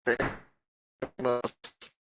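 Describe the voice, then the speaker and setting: A man's voice: extremely slow, music in the background. A man talking casually on a podcast over a remote group voice chat, rambling with restarts while his audio turns choppy and robotic. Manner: rambling, with many restarts and fillers. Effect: choppy, robotic group voice chat audio, breaking up. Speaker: podcast co-host. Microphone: remote voice call.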